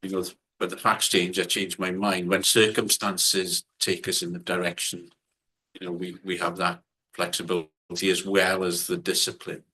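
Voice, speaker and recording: A man chairing a board meeting over a video call, measured and often repeating words as he thinks aloud. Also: sits low, flat delivery, pushed and bright, breathy edge, low-quality recording.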